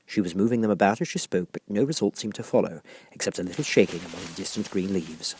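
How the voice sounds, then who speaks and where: A man reading as an audiobook narrator, in an expressive scripted storybook style. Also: low-pitched, fast talker, a little hiss or hum.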